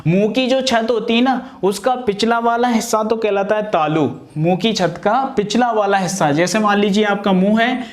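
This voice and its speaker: A man's voice: high-pitched, moderate pace, few pauses. A man teaching an exam-prep grammar lesson, asking questions and answering them himself, and pronouncing each sound aloud for practice.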